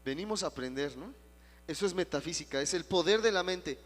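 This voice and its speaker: A man's voice: a little high, brisk, a little hiss or hum. A male pastor teaching a Bible study, telling stories with emphatic repetition. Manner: animated storytelling with emphatic repetition. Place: church auditorium. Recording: long reverb in a hall.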